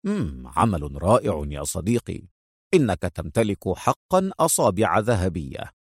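A man doing a calm, deep-voiced spy hero. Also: vocal fry, no echo, clean studio sound, exaggerated voice. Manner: low, unhurried, gently assured.

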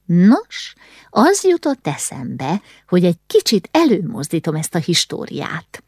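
A woman's voice: lowish voice, huge pitch swings, darkish tone, breathy edge, dry recording, studio quality, full character voice. A woman voicing an eager, scheming young noble girl who talks persuasively, in an audiobook reading.

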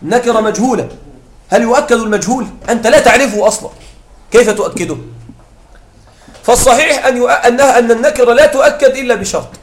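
A male grammar teacher lectures in a classroom, walking his students through example after example and pausing to ask whether they understand. His voice sits notably high for a man. The sound carries a clear echo from the room around him. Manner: explains with repeated examples and checks understanding with questions.

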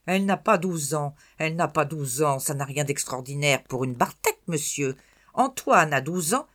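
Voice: mid-range voice, sing-song, a bit bright. A reader voicing a proud, imperious elderly grandmother with a haughty, easily offended manner. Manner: haughty, quick to take offence. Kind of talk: audiobook character voice.

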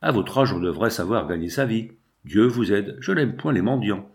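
A man's voice: fairly low pitch, expressive, normal speed. A man reading the part of a stern passerby who curtly scolds a beggar girl. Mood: scornful. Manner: curt, scolding.

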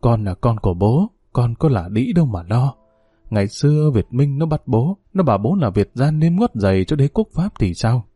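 A man doing a weary, gentle aging father. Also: big pitch swings, moderate pace, husky, no room sound. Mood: soothing. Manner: soft, consoling, low-spoken.

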